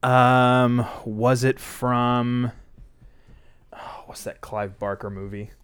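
A man's voice: medium pitch, steady tone, drawn-out words, fairly bright tone, smooth. A man co-hosting a casual podcast, thinking aloud as he tries to recall old episodes. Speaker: podcast co-host and editor. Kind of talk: casual chat.

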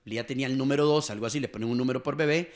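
A man with a Costa Rican accent co-hosting a casual talk show, telling animated stories and acting out quoted dialogue. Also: medium pitch, rapid-fire. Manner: animated storyteller who acts out quoted dialogue. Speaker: co-host. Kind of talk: casual chat, storytelling.

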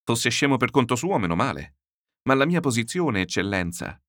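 A man reading an audiobook, voicing a middle-aged male schemer who speaks to a general in an obsequious, flattering way. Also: medium pitch, moderate pace, dry recording, studio quality, voice pushed up. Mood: fawning.

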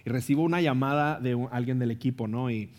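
Earnest Mexican pastor preaching. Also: male voice, medium pitch, fast, darkish tone. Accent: Mexican Spanish. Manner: conversational, tags lines with ¿no? and ¿verdad?; earnest, pleading altar call. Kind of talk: sermon with personal story.

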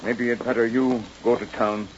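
An actor playing a terse, loyal frontier companion speaking clipped broken English in a 1930s radio Western. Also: male voice, mid-range voice, level tone, moderate pace, natural voice. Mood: stoic. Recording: muffled, hissy 1930s radio recording.

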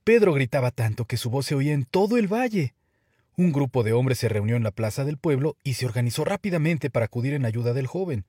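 A man narrating a children's fable in an expressive, scripted storybook style. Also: medium pitch, brisk, husky, dry recording, studio quality.

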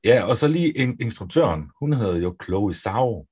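A Danish man co-hosting a casual podcast, upbeat and quick to egg on his co-host. His voice is low and a bit husky, and his pitch swings widely as he talks. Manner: upbeat, lively, laughs easily, eggs on his co-host.

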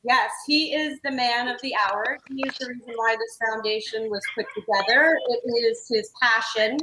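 A woman's voice: a little high, steady tone, normal speed. A woman introducing a guest in a casual interview, talking eagerly. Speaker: foundation co-founder. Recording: echoey room with background noise.

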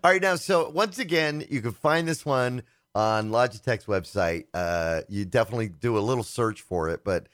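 A man's voice: fairly low pitch, animated, moderate pace, few pauses, fairly bright tone, no room sound, studio quality. A man hosting a tech radio show in casual chat, joking and laughing easily.

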